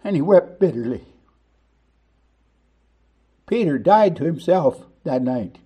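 A male pastor preaches a sermon in a conversational manner. His voice sits high for a man. He drives points home with sudden loud stresses. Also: lively intonation, takes it slowly, husky.

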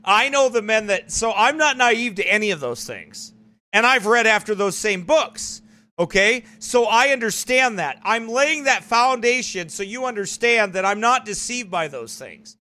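A man preaching a sermon, talking in an emphatic, folksy way with quick asides to his congregation. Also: high-pitched, lively intonation, pushed and bright. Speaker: pastor. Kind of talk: sermon commentary.

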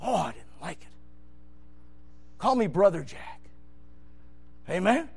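Fiery high-pitched preacher man. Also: big pitch swings, takes it slowly, gravelly, breathy edge. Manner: shouting, emphatic, swings from loud bursts to low asides. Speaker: pastor. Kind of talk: fiery Baptist sermon.

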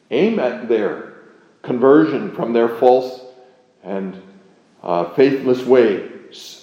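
Dark-voiced preacher in an echoey church. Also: male voice, medium pitch. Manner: earnest, measured, reads scripture aloud, emphatic on key words. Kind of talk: expository sermon. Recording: dull, echoey room sound.

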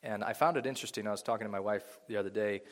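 Before a congregation in a church sanctuary, a pastor delivers an earnest sermon that swells to emphatic high points. He speaks rapid-fire in a fairly low voice, and the large hall gives the recording a long reverb.

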